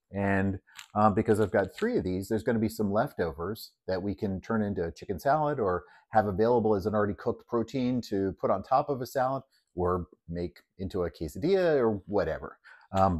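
Relaxed man explaining grilling steps. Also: fairly low pitch, brisk, no echo. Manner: relaxed, step-by-step with fillers. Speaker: home cook. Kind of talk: casual cooking demonstration. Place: outdoors at a grill.

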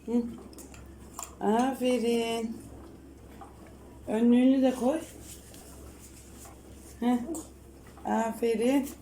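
A woman talking to her small child at home, coaxing, praising and gently scolding him. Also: on the high side, steady tone, extremely slow, long pauses, slight background noise. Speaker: mother playing with her toddler.

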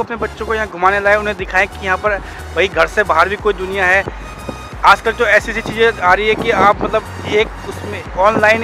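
A man vlogging with friends outdoors at night, talking in an earnest, rambling way and sometimes acting as a playful mock reporter. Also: high-pitched. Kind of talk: casual chat with friends. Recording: background music playing.

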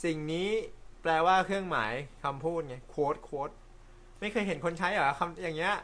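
A man hosting a casual live stream from an indoor room, reading viewer comments in a relaxed, chatty way with frequent light laughter and apologetic asides. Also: a little high, moderate pace. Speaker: host.

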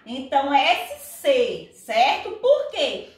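A woman's voice: high-pitched, very animated, extremely slow. A woman teacher, patiently going over a lesson and often asking the class whether they follow. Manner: patient, checks understanding with repeated questions. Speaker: Portuguese teacher. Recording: echoey room from a distance.

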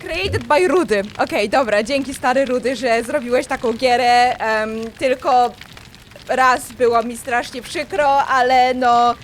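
A woman commentating a horror game she is playing, excitable and quick to flip from chatty remarks to panicked, shrieking pleading. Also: a little high, slight background noise. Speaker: gaming YouTuber.

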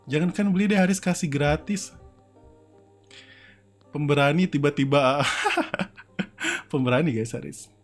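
A man's voice: fairly high pitch, slow pace, pauses often, soft background music. A young man doing casual, playful game commentary from home, joking about himself and breaking into screams and laughter. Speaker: streamer.

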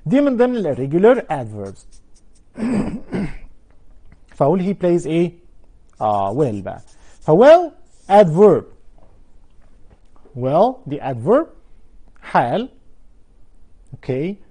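A man with an Egyptian Arabic accent teaching a televised English lesson, explaining in Arabic and drawing out English example words slowly. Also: on the high side, wildly swooping pitch, warm tone, breathy edge.

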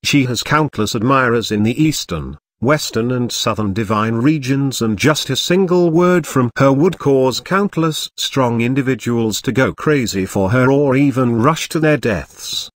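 A man reading the lines of a cold, stern senior woman realm master in a measured voice. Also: medium pitch, no echo, studio quality, close to an everyday voice.

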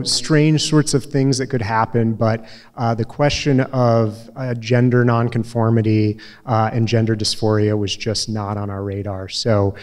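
A middle-aged man from Des Moines moderating a library talk, speaking slowly and gently with many "uh" pauses. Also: medium pitch. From Des Moines, Iowa. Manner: slow, measured, many uh fillers, soft and emotional. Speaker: event moderator. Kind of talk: public talk to an audience. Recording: reverberant hall.

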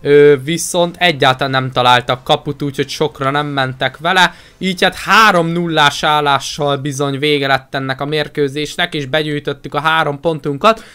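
A man's voice: fairly high pitch, steady tone, few pauses, pushed and bright, clean tone. A man with a Hungarian accent hosting a gaming video with casual, chatty commentary.

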